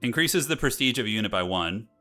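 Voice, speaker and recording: Talking fast in an expressive, mid-range voice with a sharp tone, this streamer thinks aloud through a strategy game. His live commentary is casual and slangy, and game music plays underneath.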